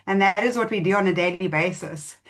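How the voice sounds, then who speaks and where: A woman shares her own story in a long, flowing account. She sounds earnest and moved, speaking at a middling pitch in an ordinary, natural voice. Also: a little fast. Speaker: testimonial speaker. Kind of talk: personal testimony at an online presentation.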